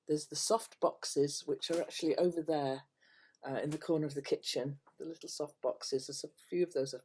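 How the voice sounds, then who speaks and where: An older woman speaks to camera in a casual, rambling chat. Her delivery is hesitant and meandering, and her phrases often trail away softly at the end. It sounds like an informal vlog made at home. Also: low-pitched. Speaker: vlogger chatting to viewers. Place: at home, indoors.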